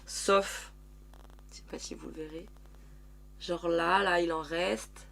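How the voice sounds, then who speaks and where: A woman's voice: fairly low pitch, fairly even intonation, slow, vocal fry, a bit bright. A woman in her early thirties recovering from illness, chatting casually and rambling with sighs while doing her makeup in a dressing room at home. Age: 30s. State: recovering from covid, slightly croaky. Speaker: beauty vlogger. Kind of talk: casual makeup tutorial chat.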